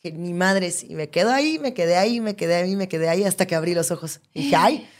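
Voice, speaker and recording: Mexican woman, 30s, podcast co-host, animated casual storyteller, salty language. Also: lowish voice, very fast.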